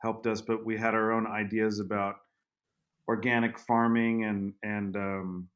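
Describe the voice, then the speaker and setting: A man speaking as a guest on a podcast, telling a story in halting speech with many restarts. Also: lowish voice, level tone, a bit bright. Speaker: guest, vineyard owner. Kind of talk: casual interview.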